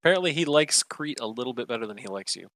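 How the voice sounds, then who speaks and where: A man's voice: mid-range voice, lively intonation, rapid-fire, fairly bright tone, dry recording. A man running a tabletop game as game master, narrating loosely with many fillers.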